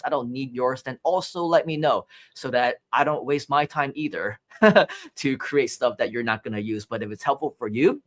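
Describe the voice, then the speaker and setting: A man from Hong Kong, in his thirties, runs a live-streamed marketing training, keeping it conversational with frequent "right?" and questions to viewers. He also reads viewer chat messages aloud. His voice is medium-pitched and a bit bright.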